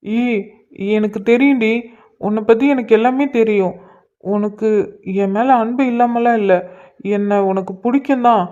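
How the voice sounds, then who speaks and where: A man's voice: very high voice, fairly even intonation, moderate pace, long pauses, darkish tone, lo-fi sound. A man doing a tender, soothing cartoon husband. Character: gentle devoted young husband.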